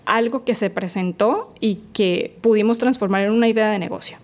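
A woman's voice: medium pitch, moderate pace, a little mellow. Podcast guest: Colombian woman in her forties, talkative, easy laugh. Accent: Colombian Spanish. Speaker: guest, entrepreneur. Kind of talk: podcast interview.

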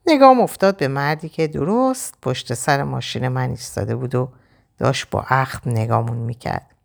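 A woman's voice: rumbling low, vocal fry. A woman reading a dramatic story aloud in first person, narrating expressively.

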